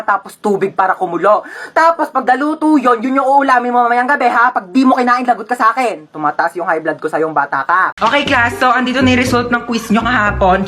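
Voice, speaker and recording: A woman acting out comic sketches, scolding and bantering in several everyday roles. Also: on the high side. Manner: scolding, theatrical. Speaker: comedy skit performer. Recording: background music playing.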